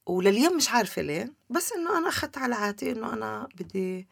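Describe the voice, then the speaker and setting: A woman with a Palestinian Levantine Arabic accent tells personal stories in an interview. She talks quickly, with a creaky edge to her voice. The sound is close and dry, with very little room. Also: a little high, sing-song, no room sound. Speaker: interview guest. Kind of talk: personal storytelling in a conversational interview.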